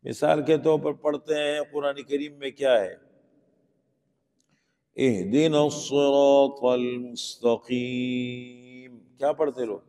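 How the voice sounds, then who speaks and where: A man's voice: on the high side, creaky, few pauses, dark tone. A man teaching Quran pronunciation in a class, patiently asking his students questions and sounding out the letters. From Pakistan. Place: mosque teaching hall. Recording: long hall reverb.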